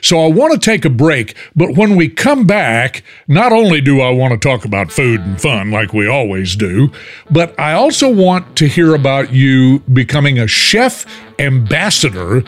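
A man's voice: medium pitch, sing-song, moderate pace, soft background music. A man hosting a cooking show, leading the interview with upbeat emphasis.

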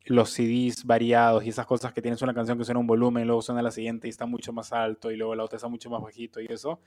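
A man with a middling pitch explains studio mixing and mastering in a patient, step-by-step way. He fills his pauses often and checks in with short tag questions as he goes. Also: completely flat delivery, a little mellow. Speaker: mixing engineer. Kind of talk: explanatory talk.

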